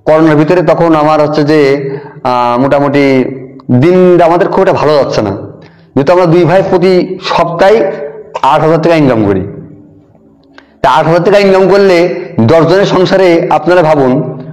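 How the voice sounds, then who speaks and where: A man's voice: a little high, moderate pace, long pauses, darkish tone, low-quality recording. A man recounts a personal testimony as a podcast guest. He speaks earnestly and acts out each quoted line of dialogue, shifting his tone to carry the story along.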